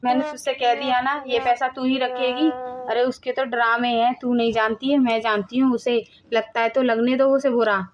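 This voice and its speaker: A woman voicing a firm, bossy mother-in-law who runs the household, in an animated family drama. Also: fairly high pitch, moderate pace, muffled recording, a crowd in the background, close to an everyday voice. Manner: firm, commanding.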